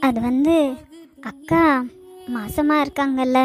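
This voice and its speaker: A woman voicing a young wife in a cartoon, speaking softly and pleadingly. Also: high-pitched, takes it slowly, soft background music. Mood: tearful. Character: young wife, usually cheerful teaser, now tearful.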